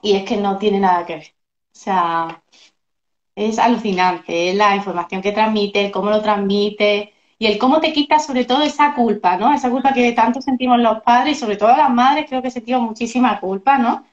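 A woman's voice: mid-range voice, steady tone, moderate pace, echoey room, lo-fi sound. A woman, a family coach as a guest in a casual interview, talking reflectively and often asking "no?". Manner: agreeable, reflective, frequent tag questions. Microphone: video call.

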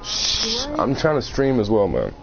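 A man's voice: mid-range voice, huge pitch swings, measured pace. A man streaming a video game, bantering and teasing his friends in casual chat. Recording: muffled lo-fi mic with faint hiss.

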